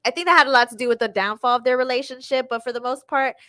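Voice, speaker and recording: Higher-voiced woman chatting casually, closely recorded. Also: fairly even intonation, racing, bright, forceful tone, no echo, studio quality. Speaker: podcast guest, ring announcer. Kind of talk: casual unscripted chat.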